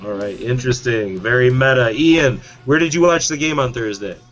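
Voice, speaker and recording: A man hosting a casual podcast, teasing his guests as he fires quick questions at them. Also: mid-range voice, muffled recording, soft background music. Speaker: podcast host. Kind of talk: casual chat.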